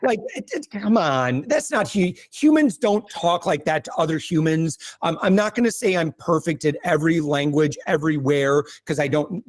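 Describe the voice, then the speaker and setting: A man speaking as a podcast guest, giving energetic, coaching business advice with quick asides and restarts. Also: fairly high pitch, no room sound. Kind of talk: casual podcast conversation.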